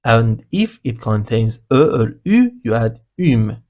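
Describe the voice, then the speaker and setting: A man's voice: medium pitch, sing-song, slow pace, a little mellow. A man teaching beginner grammar, explaining the rules patiently one step at a time. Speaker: language teacher. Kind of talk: slow explanatory lesson narration.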